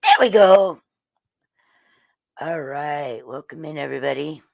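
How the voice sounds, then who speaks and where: A slightly hoarse host casually explaining weather radar on a livestream, halting with frequent ums and throat clearing. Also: mid-range voice, expressive, dry recording.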